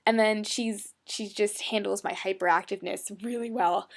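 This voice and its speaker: A woman in her twenties talks casually to her webcam in a hyper, bubbly way. Her voice has a gravelly fry, and she slips into whispered asides between her chatter. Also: mid-range voice, steady tone, moderate pace. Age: 20s. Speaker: role-play blogger.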